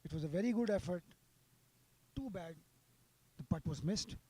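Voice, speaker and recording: A man's voice: high-pitched, animated, fast, mellow, slightly rough, dry recording. A man giving live golf commentary, sympathetic toward the players.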